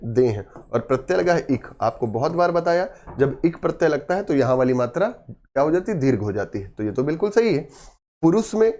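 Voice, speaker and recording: A man's voice: on the high side, darkish tone. A man teaching a grammar lesson for exam students, quizzing his class and answering himself, repeating key words with emphasis.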